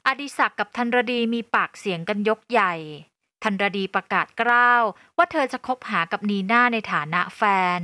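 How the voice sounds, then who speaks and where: A woman narrating a novel aloud in a steady storytelling voice. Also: on the high side, dry recording. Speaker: audiobook narrator. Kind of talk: scripted narration.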